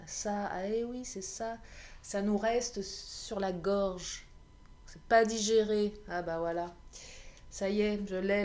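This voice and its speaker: A woman reads cards for her viewers in a relaxed, chatty way, her voice hoarse and catching in her throat. She jokes about it, laughs at herself and keeps going at a medium pitch. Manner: chatty, self-mocking, laughs and clears her throat often. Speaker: tarot card reader. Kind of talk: card reading guidance video.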